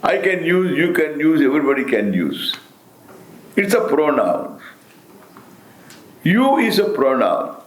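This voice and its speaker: Slow Indian man teaching, swooping pitch. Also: big pitch swings. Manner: deliberate, emphatic, with repetition and rhetorical questions. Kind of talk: spiritual discourse. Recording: roomy, echoing sound.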